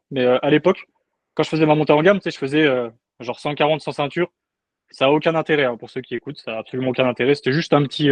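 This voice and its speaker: A man's voice: on the high side, no room sound. A young adult man, a guest coach, chatting in a laid-back, joking way on a podcast. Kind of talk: casual podcast chat.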